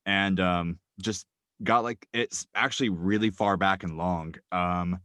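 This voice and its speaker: A deep-voiced man, bright and forceful in tone, speaks a little slowly with fairly even intonation as a podcast guest in a casual chat. He rambles with plenty of ums and likes. He's recording in a small closet with a blanket-wrapped mic, so the sound is dry, deadened and without echo.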